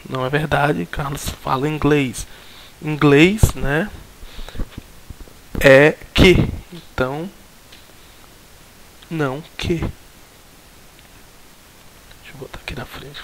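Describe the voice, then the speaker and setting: A man's voice: fairly high pitch, a little hiss or hum. A man with a Brazilian Portuguese accent teaching a recorded logic lesson, explaining step by step with many fillers and restarts.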